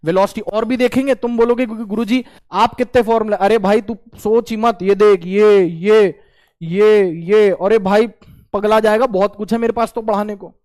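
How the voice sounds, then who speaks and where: A man's voice: sits high, fairly even intonation, moderate pace, darkish tone, no echo. A young man teaching a physics lesson for exam prep in a playful, slangy way, often acting out his students' replies.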